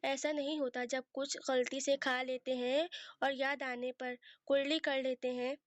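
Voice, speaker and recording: A woman's voice: high voice, level tone, measured pace, dry recording. A woman voicing a kind, motherly older aunt who soothes and reassures her niece. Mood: soothing.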